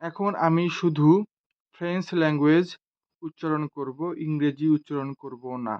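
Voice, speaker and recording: A man teaching a beginner lesson slowly and deliberately, spelling out letters one by one. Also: a little high, fairly even intonation, clear, resonant tone, lo-fi sound. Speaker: French teacher. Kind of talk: slow, measured language lesson.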